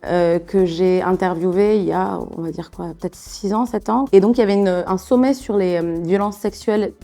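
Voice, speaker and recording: A journalist from Niger tells personal stories in a conversational interview, halting often to correct herself. Her voice is medium-pitched and mellow.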